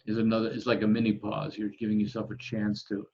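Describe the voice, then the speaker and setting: A man leading a breathing lesson over a video call, calmly counting the breaths aloud. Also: on the low side, creaky, dull audio, slight background noise. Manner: calm, counting aloud slowly. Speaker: breathing instructor. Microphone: video call microphone.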